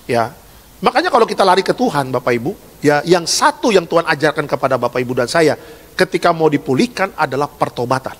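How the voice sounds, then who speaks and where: Casting: jokey male pastor, slightly high voice, echoing church hall. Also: animated, fast talker. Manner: jokey, swings from hushed asides to loud exhortation. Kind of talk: lively sermon.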